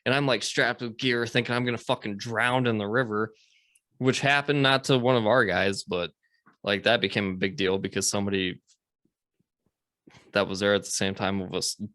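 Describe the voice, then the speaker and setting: A man's voice: fairly low pitch, steady tone, normal speed, bright, forceful tone, no echo, clean studio sound. A man from the United States hosting a podcast, telling a long story in casual, rambling talk with lots of fillers and swearing. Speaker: podcast host.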